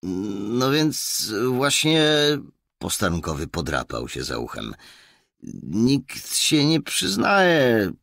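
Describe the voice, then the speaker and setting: A man's voice: low-pitched, wildly swooping pitch, slow pace, gravelly, fairly bright tone, no echo, studio quality, pitched above the performer's own voice, exaggerated voice. A man voicing a nervous young male village constable who speaks eagerly and apologetically in a raised voice. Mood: apologetic.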